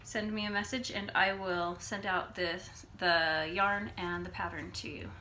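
A woman's voice: fairly low pitch, steady tone, measured pace, bright, forceful tone, a little hiss or hum. A woman co-hosting a casual podcast, with a nasal voice and an easy, laughing chat. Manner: chatty, laughs easily. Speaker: podcast co-host. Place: home room, recorded on a phone.

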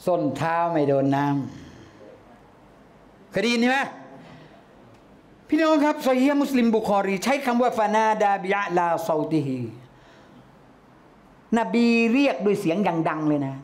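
A man teaching a religious lecture to a congregation, lively, calling out chanted phrases loudly. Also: sits high, a little slow, long pauses. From Thailand.

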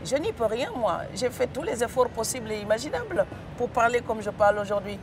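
A woman's voice: fairly high pitch, animated, a little fast, over music. A woman from Senegal with a Senegalese French accent and rolled R's, speaking emphatically with frequent hesitations as an interview guest. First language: Serer. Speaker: author guest. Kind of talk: studio interview.

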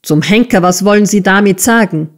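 Audiobook figure: woman doing a cruel male schoolmaster, loud, sneering, pitched up high and pushed. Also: unhurried, close to an everyday voice. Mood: raging. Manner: shouting, sneering and bullying. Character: brutal bellowing male schoolmaster. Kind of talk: audiobook character reading.

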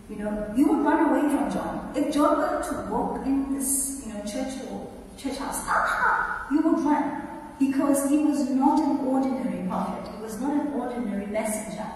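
A woman with a high, somewhat dark voice preaches a conversational sermon from a church lectern, putting emphatic rhetorical questions to the congregation. She is picked up by the lectern mic in a large sanctuary, so the sound is distant and echoey, with faint noise.

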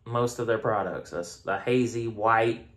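Speaking a little slowly in a lowish, fairly bright voice, this Southern US man reviews a beer at home. He films on his phone, keeping it casual, chatty, rambling and self-mocking.

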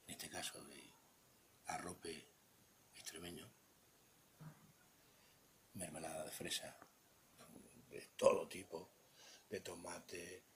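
A man with a Spanish accent and a very low voice walks a phone camera around a buffet table indoors. He speaks off the cuff as a cheese expert, halting and rambling, often trailing off into murmurs. Faint room noise sits under his voice. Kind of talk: unscripted walkthrough. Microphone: handheld phone camera.

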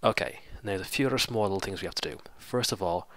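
With a deep, somewhat bright voice and a quick pace, this man works through a screen-recorded coding tutorial while stuffed up with a cold. He goes step by step in a casual manner, fixing his own mistakes as he goes, and there's no room sound.

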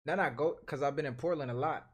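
A young man with a fairly high voice talks quickly while streaming from a small bedroom with blinds, using a headset that gives dull audio. He brashly teases strangers on video chat with crude jokes in casual trolling banter.

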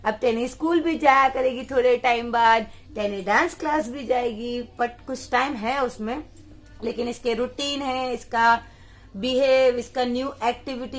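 High-voiced young mom vlogging. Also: female voice, moderate pace. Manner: coaxing baby talk to her toddler, sing-song and animated. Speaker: vlogger mother. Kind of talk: casual vlog talk to camera with her toddler.

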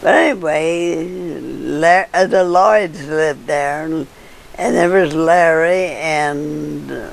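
An older woman being interviewed, telling old neighborhood stories in a halting way with fillers and chuckles. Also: deep voice, gravelly, a little hiss or hum. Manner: halting storyteller with frequent laughs and fillers. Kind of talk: casual reminiscing.

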